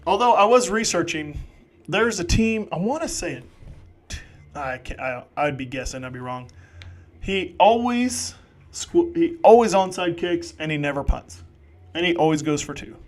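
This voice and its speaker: A man doing live play-by-play football commentary, excitable and jokey with rambling asides. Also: a little high, measured pace.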